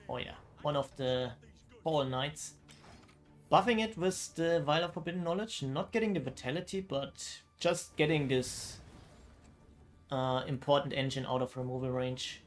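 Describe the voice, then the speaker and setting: A man casting a card game match as esports commentary, casual and exclaiming, often thinking out loud. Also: fairly high pitch. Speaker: esports caster.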